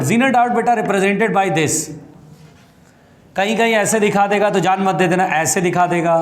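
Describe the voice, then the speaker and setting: A man with a high-sitting voice gives a physics lecture in a roomy-sounding classroom. He repeats his points, addresses students as "beta," and scolds anyone who chats.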